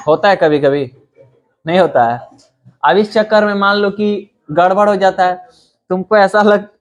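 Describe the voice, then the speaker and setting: Young indian guy teaching a computer class, pretty high voice, keeps asking the class questions. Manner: explains with rhetorical questions to the class. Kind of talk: classroom lesson.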